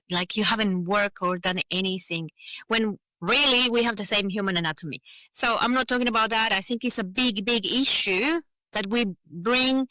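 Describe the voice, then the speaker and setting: A native Spanish speaker with a Venezuelan accent, who advocates for migrant professionals, guests on a podcast and earnestly explains her points in a conversational interview, often adding "you know." Her medium-pitched voice is bright and forceful. The recording is low quality, with no echo.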